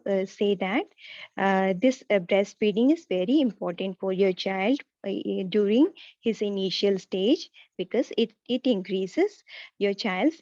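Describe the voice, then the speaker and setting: Woman, nurse role-play, reassuring, polite, halting delivery, dry slightly dull recording. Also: mid-range voice, mellow, dry recording. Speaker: nursing student practising a role play.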